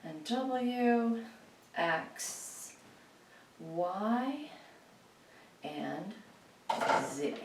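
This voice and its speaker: Upbeat woman trainer with an animated, chatty delivery, recorded at a distance in a room at home. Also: mid-range voice, a little hiss or hum. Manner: chatty and playful, cueing moves in a sing-song voice. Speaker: fitness instructor. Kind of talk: home workout instruction. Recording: echoey room, voice from far off.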